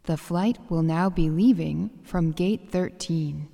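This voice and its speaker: A woman's voice: fairly low pitch, slow pace, gravelly, mellow, big-room sound, heavily acted. A woman voicing a formal airport gate announcer in a scripted listening-test dialogue.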